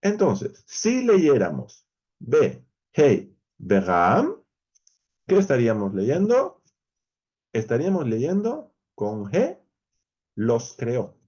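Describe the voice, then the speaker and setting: A man's voice: medium pitch, huge pitch swings, slow, mellow, slightly rough, muffled recording. A man with a Spain Spanish accent teaching a verse-by-verse Bible study lesson, explaining animatedly and speaking straight to his viewers.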